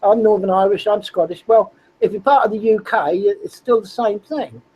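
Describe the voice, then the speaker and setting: Male co-host from the UK, high and husky, blunt and repetitive. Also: normal speed, dull audio. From United Kingdom. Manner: blunt, repeats points. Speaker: podcast co-host. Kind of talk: casual discussion.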